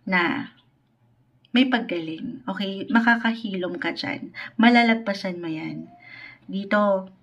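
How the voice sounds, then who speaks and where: A woman giving a weekly tarot reading on a livestream. She mixes Tagalog and English, speaks politely, and keeps checking in with "okay?". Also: medium pitch. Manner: polite, uses "po" often. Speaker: tarot reader.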